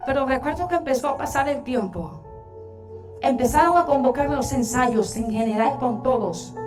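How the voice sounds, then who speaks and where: Young woman, very high voice, testimony from the pulpit; heartfelt storyteller, distant church mic over soft music. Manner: heartfelt, storytelling with long pauses. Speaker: church singer giving a testimony. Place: church sanctuary.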